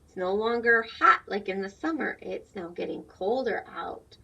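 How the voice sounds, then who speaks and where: This mid-range female voice is creaky, husky, pushed and bright, with lively intonation at a moderate pace. A woman teacher reads a picture book to young children, explaining simply and putting questions to them, in a dull, lo-fi recording made far from the microphone.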